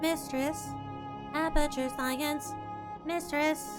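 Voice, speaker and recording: A woman's voice: high voice, steady tone, slow pace, over loud music, pitched above the performer's own voice. A woman putting on a stiff robot voice as a formal servant companion who calls her mistress.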